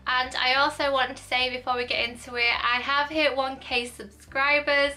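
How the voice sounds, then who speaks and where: A young woman chatting excitedly to camera in a thrift haul vlog, gushing and rambling, with faint music behind her. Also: sits high, moderate pace. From United Kingdom.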